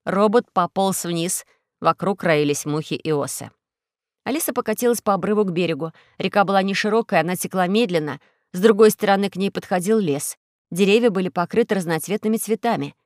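A woman narrating a children's adventure audiobook. Her reading is steady and clear, in a middle-pitched voice. The studio sound is dry, with no room echo. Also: brisk.

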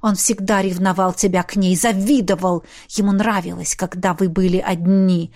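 A woman reading an audiobook, voicing a sly, spiteful male creature of chaos who taunts in a low whisper. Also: fairly even intonation, normal speed, a little mellow, close to an everyday voice. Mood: urging.

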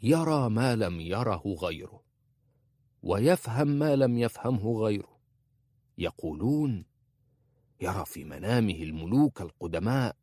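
A man's voice: fairly low pitch, a little mellow, dry recording, studio quality. A man voicing a blunt, sardonic old male tailor in an audiobook. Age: older.

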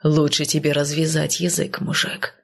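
A man's voice: fairly high pitch, monotone, moderate pace, gravelly, breathy edge. A woman voicing a blunt, demanding northern conqueror who barks curt orders. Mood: mocking. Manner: barking, curt.

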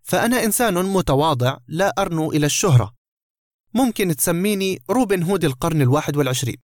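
A man reading a story aloud, voicing a boastful burglar who mocks and threatens at gunpoint in a fairly high voice. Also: lively intonation, quick pace, no echo, studio quality, close to an everyday voice. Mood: boastful, sardonic. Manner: mocking, threatening. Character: sarcastic menacing male burglar, boastful.

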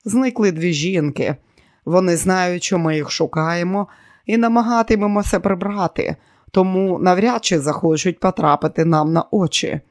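A man voicing an arrogant, scheming man who is quick to rage, with a boastful, commanding way of talking. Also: sits high, no echo, clean studio sound, natural voice. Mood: smug.

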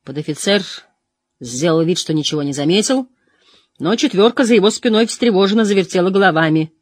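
Narrator, measured storytelling, mid pitch, dry close studio mic. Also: animated, dry recording. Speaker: audiobook narrator. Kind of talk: scripted fantasy narration.

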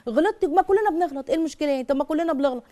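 A middle-aged woman with an Egyptian Arabic accent, hosting a live call-in parenting advice show and acting out mothers' words as she talks. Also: high-pitched. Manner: rapid, animated, acts out mothers' words.

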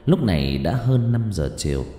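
A man's voice: on the low side, very animated, moderate pace, dark tone. A man narrating a scripted horror story with dramatic delivery. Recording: echoey hall reverb with music.

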